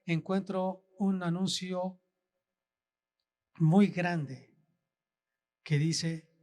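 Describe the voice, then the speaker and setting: A male pastor delivers a sermon at an unhurried, deliberate pace. His voice sits somewhat high for a man. He keeps putting rhetorical questions to his listeners. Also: fairly even intonation, darkish tone.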